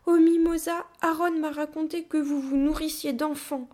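A woman voicing a frightened young orphan boy who cries and pleads in high, tearful bursts. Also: steady tone, moderate pace, mellow, lightly acted. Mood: sheepish.

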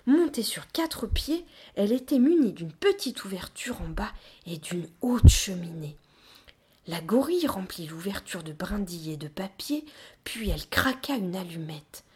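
A woman narrates a children's story in a breathy, hushed voice. Her delivery is tense and close, often slipping toward a whisper. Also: mid-range voice. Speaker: audiobook narrator. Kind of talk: scripted first-person narration.

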